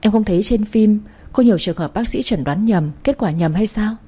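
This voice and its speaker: A woman voicing a caring older woman friend in a storybook reading, speaking in a gentle, soothing way. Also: mid-range voice, fairly quick, slightly rough, lightly acted.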